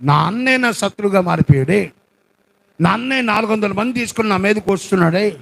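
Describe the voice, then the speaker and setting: A man's voice: high-pitched, brisk, gravelly, fairly bright tone, full character voice. A male preacher voicing a desperate man who pleads alone with God, in repetitive cries. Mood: anguished.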